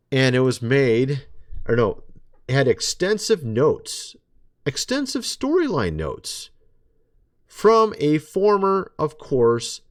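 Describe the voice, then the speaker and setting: A man talking straight to his viewers in a casual commentary monologue, sarcastic and chatty, and he keeps calling them folks. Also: mid-range voice. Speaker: vlogger.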